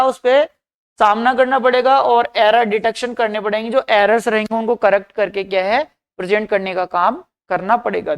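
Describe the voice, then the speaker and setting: A man teaching an exam-prep class. He reads English points slowly, then explains each one in Hindi, often adding "bhai" and reminders to keep things in mind. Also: high voice, smooth. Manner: repeats "dhyan rakhiyega" and "bhai" often. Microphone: screen recording.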